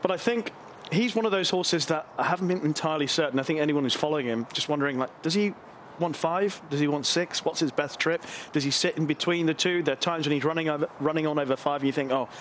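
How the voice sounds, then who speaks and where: A man's voice: a little high, fast talker, a little hiss or hum. A man from the UK talking through a horse's form as a racing analyst in a chatty, easygoing way. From United Kingdom. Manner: chatty, laughs easily. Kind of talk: live broadcast analysis.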